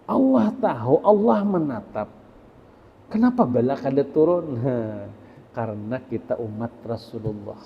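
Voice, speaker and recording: Man preaching in a hall. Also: medium pitch. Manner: animated storytelling preaching, sudden loud peaks. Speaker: religious teacher. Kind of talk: sermon. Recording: echoey hall, muffled, faint noise.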